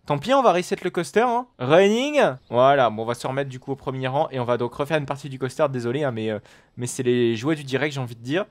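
A man giving live commentary on a game, excitable and rambling, with frequent swearing and exclamations. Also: mid-range voice, fast. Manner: rambling with many fillers and restarts. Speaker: gaming video host.

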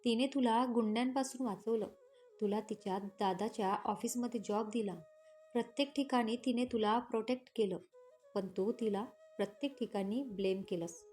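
A woman's voice: fairly high pitch, normal speed, darkish tone, faint music behind, close to an everyday voice. Woman voicing a loyal, firm young woman. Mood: reproachful. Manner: indignant, firm.

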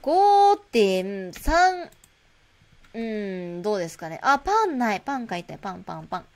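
A woman streaming a shop management game, chatting casually to herself and greeting customers in a bright shop-clerk voice. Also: medium pitch, animated, racing. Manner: chatty, playful, talks to herself while playing. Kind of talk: casual gameplay commentary.

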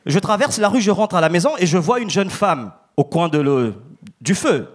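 A man performing a stand-up routine on a comedy club stage, telling his stories in a deadpan way, French not being his first language. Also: high-pitched, normal speed. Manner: deadpan storytelling with acted quotes.

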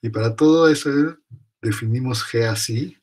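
Husky man rambling through a math lecture. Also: medium pitch, moderate pace, a little mellow. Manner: thinks aloud, self-correcting, chatty.

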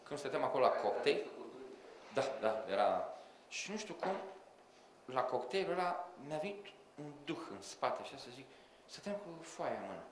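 Lively man telling stories on stage. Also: medium pitch, a little hiss or hum. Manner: animated, acts out quoted voices, addresses the audience directly. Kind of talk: live comic storytelling monologue. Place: hall with a live audience. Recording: roomy hall, audience audible.

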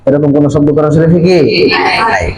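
A man's voice: fairly high pitch, level tone, fast talker. A male madrasa teacher giving a Quran pronunciation lesson, asking the class questions and repeating the answers. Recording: echoey room with a crowd of students. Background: students chanting along.

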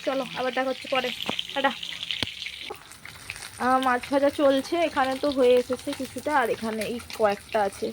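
A young woman speaks at a normal pace in a high voice with fairly even intonation, pausing often as she casually narrates each cooking step for her vlog viewers. She's in her home kitchen holding her phone, and the background is noisy.

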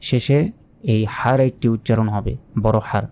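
A man teaching Quran recitation, spelling out each letter and vowel mark before sounding the word slowly. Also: fairly low pitch, steady tone, a little mellow. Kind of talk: slow letter-by-letter recitation lesson.

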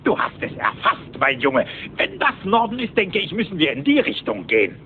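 An actor playing a stubborn, boastful old rich uncle duck in a cartoon, blustering, on a tinny cassette recording. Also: male voice, on the high side, wildly swooping pitch, normal speed, slight background noise. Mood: confident. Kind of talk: cartoon voice acting.

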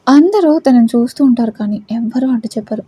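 A woman narrating a dramatic family story in a steady storytelling way. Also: a little high, quick pace, breathy edge.

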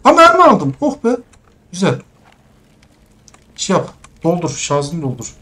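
A young man playing a game and commenting as he goes, cursing and laughing at the controls, muttering quietly while sneaking. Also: high-pitched, huge pitch swings, a little slow. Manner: exasperated, swearing at the game's controls, laughing. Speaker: gaming streamer. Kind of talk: let's play commentary.

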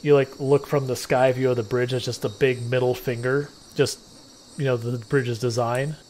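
A man's voice: medium pitch, little pitch movement, normal speed, a little mellow, a little hiss or hum. A man casually chatting and joking while he livestreams a video game. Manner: rambling, joking, conversational. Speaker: game streamer. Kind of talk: casual chat while gaming.

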